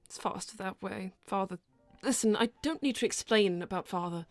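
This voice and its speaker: A woman's voice: medium pitch, moderate pace, no room sound, faint music behind, close to an everyday voice. A woman voicing Blaze, a proud, easily offended cat princess, with curt, formal, scolding delivery in live improvised roleplay. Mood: stern.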